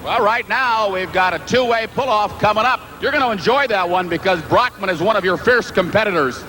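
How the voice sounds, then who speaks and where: High-pitched, emphatic male tractor pull announcer. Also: a little fast, sharp tone, poor audio. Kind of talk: live motorsport commentary and interviews. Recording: engine and outdoor arena noise.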